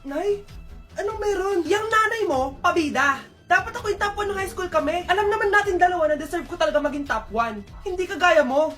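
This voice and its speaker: A woman performing comedy skits in many roles, often loud and scolding. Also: very high voice. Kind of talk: skit acting.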